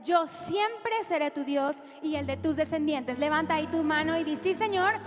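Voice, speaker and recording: A woman preacher with a Latin American Spanish accent leads her congregation in repeated declarations during a sermon. Her voice is high-pitched and her pace normal. The church hall is reverberant, with music playing and slight background noise.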